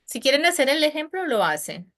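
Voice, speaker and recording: A woman's voice: high voice, big pitch swings, fairly quick, fairly bright tone. A Spanish-speaking woman teaching an English class over a video call, patient and encouraging, explaining pronunciation step by step.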